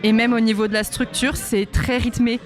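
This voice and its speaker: A woman's voice: a little high, little pitch movement, moderate pace, faint music behind. A woman in the audience speaking enthusiastically in a vox-pop interview. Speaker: theatre audience member.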